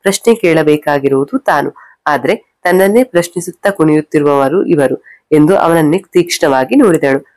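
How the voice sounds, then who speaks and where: A woman reading a scripted story aloud in a steady, measured way, close to the mic. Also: deep voice, no room sound. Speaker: narrator.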